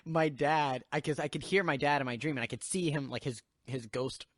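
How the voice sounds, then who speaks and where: A man's voice: fairly high pitch, fairly even intonation, a little fast, fairly bright tone, no echo, studio quality. A young man hosting a podcast, talking casually in a rambling way with lots of swearing and fillers. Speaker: podcast host. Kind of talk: casual chat.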